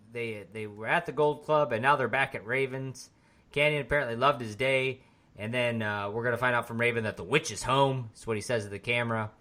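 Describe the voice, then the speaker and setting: A man with a bright, clear-edged voice co-hosts a casual wrestling podcast. He recaps scenes loosely, piling on fillers as he goes. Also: mid-range voice. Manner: relaxed, rambling recap with frequent fillers. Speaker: podcast co-host.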